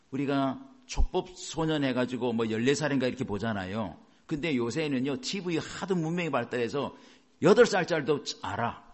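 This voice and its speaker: Male pastor, lively up-and-down sermon delivery, keeps asking the congregation questions. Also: a little high. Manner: animated storytelling with rhetorical questions.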